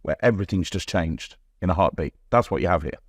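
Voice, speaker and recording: A man's voice: low voice, fast, husky, dry recording, clean studio sound. A man co-presenting a magic lesson, reacting with enthusiasm and talking things through casually. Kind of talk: casual chat. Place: London studio.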